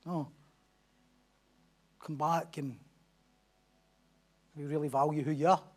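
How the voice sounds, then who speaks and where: A man's voice: fairly high pitch, flat delivery, takes it slowly. A middle-aged man, a pastor delivering a sermon with emphatic, repetitive lines and rhetorical questions.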